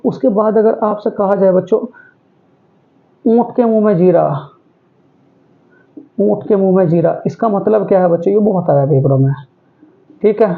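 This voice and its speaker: A male teacher giving an online exam-prep class, who asks students questions and repeats each answer. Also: high-pitched. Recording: tinny phone-like audio.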